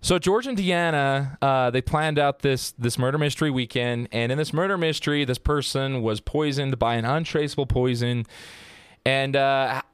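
A man's voice: mid-range voice, moderate pace, clear, resonant tone, no echo, clean studio sound. A man hosting a casual true-crime podcast, telling the story in a joking, profane and rambling way. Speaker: podcast host.

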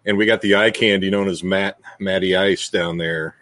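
A man's voice: low voice, steady tone, moderate pace, fairly bright tone. A middle-aged man from Iowa co-hosting a podcast over a video call, laid-back and wisecracking. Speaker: podcast co-host. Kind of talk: casual chat.

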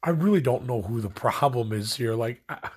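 It's a rambling late-night rant from a stoned young vlogger from Illinois, USA, with an animated, medium-pitched voice, a breathy edge and a moderate pace. He meanders casually, says "like" constantly, and trails off partway through his thoughts.

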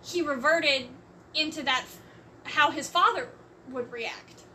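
A woman in casual conversation, explaining her views slowly and at length. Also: high-pitched, bright, forceful tone, far from the mic, slight background noise. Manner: slow, measured, explains at length. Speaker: co-host discussing a court case. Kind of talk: casual chat.

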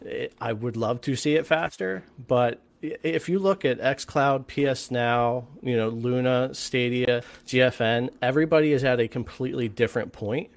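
A man on a panel sharing his views in a measured, thoughtful way with many fillers. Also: medium pitch, creaky. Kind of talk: casual panel discussion.

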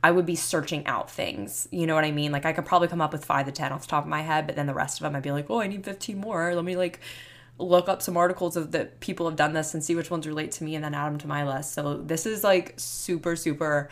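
A woman in her twenties hosts a solo podcast, her low voice quick and fairly even in intonation. She talks in a chatty, rambling, casual way, full of youthful filler words.

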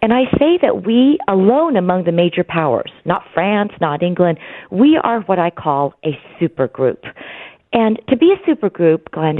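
A woman guest author and law professor speaking in a radio interview, explaining her ideas in an animated way and laughing easily. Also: medium pitch, dry recording. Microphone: phone line. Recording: tinny phone line, dry.

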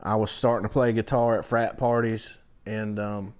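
A man's voice: lowish voice, little pitch movement, normal speed, darkish tone. A man in his fifties, a songwriter guest, telling stories in a rambling way full of fillers and restarts. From southern Georgia, US. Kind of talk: casual storytelling chat.

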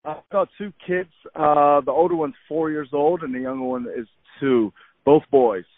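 A man in his thirties from Egypt, a podcast guest telling his story in eager, animated casual chat, with plenty of uhs and likes. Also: on the high side, normal speed, no room sound. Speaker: podcast guest, fitness trainer. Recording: tinny phone-line audio, dry.

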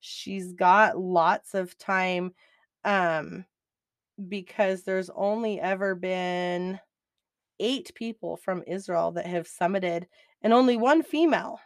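A middle-aged woman hosting a podcast, chatting excitedly and laughing easily as she recaps. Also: on the low side, takes it slowly, dry recording, clean studio sound. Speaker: podcast host.

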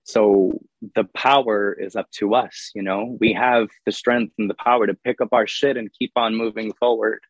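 A man's voice: on the low side, steady tone, moderate pace, no echo, muffled recording. A young man, a singer-songwriter, answering interview questions in an earnest, open way, with many ums.

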